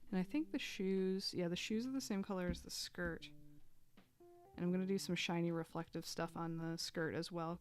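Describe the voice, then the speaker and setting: Drawing on a live stream, a woman chats casually and thinks out loud, using fillers and little laughs. Her voice is fairly low and a bit mellow, slightly hoarse because she's losing it.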